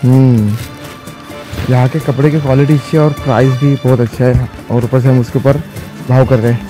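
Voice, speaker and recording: A man's voice: mid-range voice, steady tone, a little fast, over music. A young man from India walking a busy market, chatting to viewers and pointing things out, filmed on a handheld camera. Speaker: travel vlogger. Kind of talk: walking-tour vlog. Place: busy outdoor and covered market. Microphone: handheld camera at arm's length.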